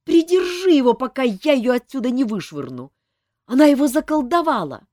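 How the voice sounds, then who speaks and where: A woman's voice: high voice, very animated, moderate pace, a little mellow, no room sound, clean studio sound, voice pushed up. A woman voicing a young female nymph dancer who screams and pleads in desperation. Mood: frantic.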